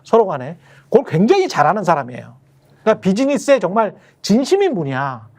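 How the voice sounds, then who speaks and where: High-voiced lively male panelist. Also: fast talker. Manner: conversational, anecdotal, emphatic. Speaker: political panelist. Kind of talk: political talk show discussion.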